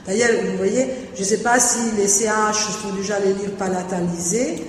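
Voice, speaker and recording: A woman's voice: medium pitch, fairly even intonation, moderate pace. A woman giving an academic lecture on translation and verse drafts, hesitant, with many fillers and restarts. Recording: very echoey hall, faint noise.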